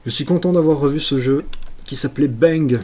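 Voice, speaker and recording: A male streamer plays retro games live, narrating every jump and failure with excitable outbursts and self-mocking jokes. His voice is dark and mellow in tone. A faint hiss of noise sits under his voice. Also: a little high, brisk. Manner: excitable, exclaims and talks to himself while playing. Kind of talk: live gameplay commentary.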